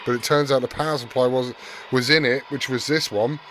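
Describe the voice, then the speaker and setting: Muttering to himself as he fixes things, a hobbyist video host swears casually through a hands-on repair vlog. His voice is mid-range, fairly quick and fairly even in intonation, with background noise present.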